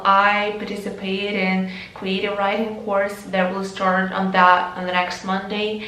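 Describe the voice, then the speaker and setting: A woman's voice: mid-range voice, gravelly, fairly bright tone. Young Ukrainian woman in an echoey room. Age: young adult. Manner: earnest, with frequent fillers and restarts. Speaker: vlogger. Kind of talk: casual vlog narration. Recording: echoey room with faint music.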